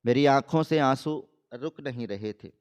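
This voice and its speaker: A male storyteller reading a first-person drama in a steady, dramatic way. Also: medium pitch, smooth.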